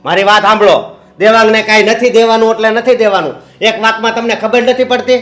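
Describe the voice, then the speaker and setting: A man's voice: sits high, normal speed, a bit bright, echoey room, soft background music. A man playing a grasping, quarrelsome son. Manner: argumentative, pressing, repeats tag questions.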